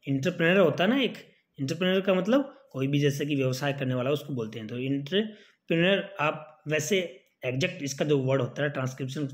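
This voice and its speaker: A male teacher giving an exam-prep spelling lesson, spelling words letter by letter and coaxing his students to remember them. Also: medium pitch. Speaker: English teacher.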